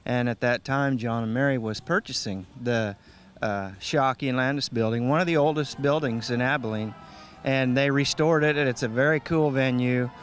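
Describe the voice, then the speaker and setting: A man's voice: mid-range voice, normal speed, faint music behind. A man with a folksy, easygoing manner, speaking casually as an interview guest who organizes and emcees events.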